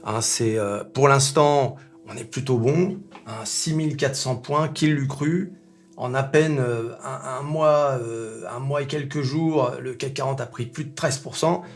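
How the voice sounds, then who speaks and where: A man hosting a casual market commentary video, chatty and animated, full of fillers and rhetorical questions. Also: mid-range voice, measured pace, faint music behind. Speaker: finance video host.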